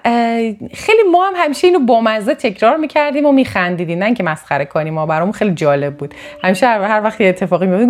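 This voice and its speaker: A woman from northern Iran giving an animated motivational talk to her viewers. She often jumps up in pitch for emphasis and restarts or corrects herself mid-sentence. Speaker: motivational speaker. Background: faint background music.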